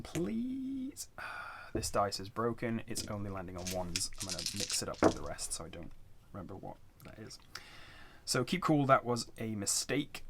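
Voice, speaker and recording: A man's voice: lowish voice, a bit bright. A man giving casual, unscripted commentary as he plays a board game, hesitantly talking himself through his choices. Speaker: solo board game player narrating a playthrough.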